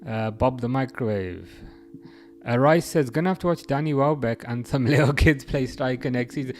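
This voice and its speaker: Soft music plays in the background as a young man runs a relaxed football livestream at a moderate pace. His medium-pitched voice reads viewer messages, and his rambling thoughts keep restarting.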